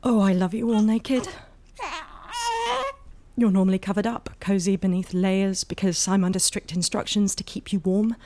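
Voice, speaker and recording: An actress playing an exhausted, tender and anxious new mother, telling her inner thoughts in a hushed, confessional voice. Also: mid-range voice, steady tone, normal speed, slight background noise, lightly acted. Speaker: narrator. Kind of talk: intimate dramatic monologue.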